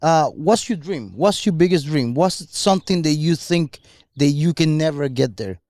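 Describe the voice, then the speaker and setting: A man's voice: fairly high pitch, normal speed, darkish tone, no echo, clean studio sound. Earnest motivational man. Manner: earnest, motivational, searching for words. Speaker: podcast co-host. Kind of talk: casual podcast chat.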